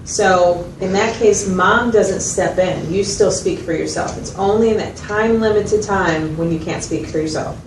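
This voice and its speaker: In a role-played consultation, a woman acts as a patient, methodical mental health clinician who explains and asks questions to confirm understanding. Her medium-pitched voice moves a little slowly with few pauses and is lightly acted, with a patient, explanatory mood. Captured on a distant mic, the audio is echoey with room noise.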